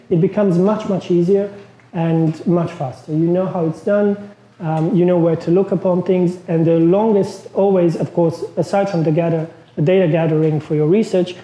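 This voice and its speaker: In an echoey lecture room, a non-native English-speaking man from Croatia, in his thirties, delivers a conference talk as a lecturer. His speech is chatty and loose, with plenty of fillers, and his voice sits high and sounds mellow.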